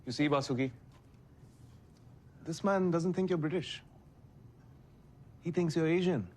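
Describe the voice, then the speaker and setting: A man's voice: fairly high pitch, measured pace, a little mellow. An actor playing a cheeky young man running a prank, teasing with mock innocence.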